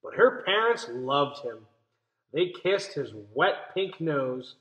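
A young man with a fairly bright, high-side voice speaks slowly but with great animation. He's teaching a read-aloud lesson to young children in a small room at home, keeping explanations simple and stressing key words, and the dull audio comes from a webcam or laptop mic at arm's length.

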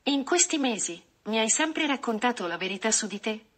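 An earnest, anxious male prosecutor, read aloud by a woman. The voice is serious and a little hesitant, pitched fairly high for the part. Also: expressive, moderate pace, fairly bright tone.

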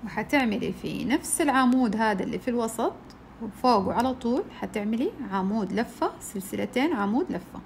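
A woman's voice: on the high side, expressive, brisk, slight background noise. A woman teaching a crochet shawl step by step, patiently counting stitches aloud. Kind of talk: step-by-step tutorial.

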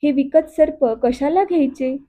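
A woman's voice: high voice, a little slow. A woman reading the part of a stingy rich man speaking curtly, in thin phone-like audio.

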